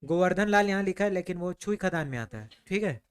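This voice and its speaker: Brisk and expressive, this male history teacher has a high, clear, resonant voice. He chats his way through the lesson, posing questions to students, answering them himself, and saying "ठीक है" again and again.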